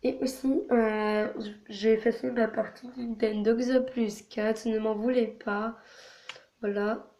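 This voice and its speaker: Rambling hoarse French-speaking woman. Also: on the high side, flat delivery, unhurried, dark tone. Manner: rambling, full of filler words. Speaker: channel host. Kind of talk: casual gaming vlog chatter.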